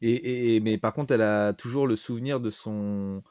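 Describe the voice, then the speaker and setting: A man's voice: on the low side, fairly even intonation, normal speed, darkish tone, clean tone, no echo. Friendly man on a dry mic. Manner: friendly, jokey formality. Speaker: podcast co-host. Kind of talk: casual chat.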